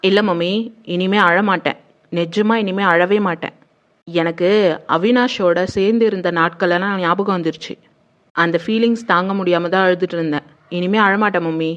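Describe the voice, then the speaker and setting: A woman's voice: lowish voice, steady tone, moderate pace, close to an everyday voice. An actress playing a bitter, vengeful young woman who was jilted, speaking in a tearful then seething TV serial manner. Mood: resentful. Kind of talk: TV serial acting. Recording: muffled lo-fi sound.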